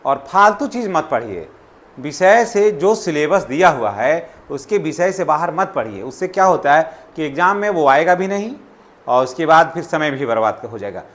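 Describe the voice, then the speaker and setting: A man, hosting a channel and reading out an exam syllabus topic by topic in quick, repetitive instructions. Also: fairly high pitch, very animated, a bit bright. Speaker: channel host.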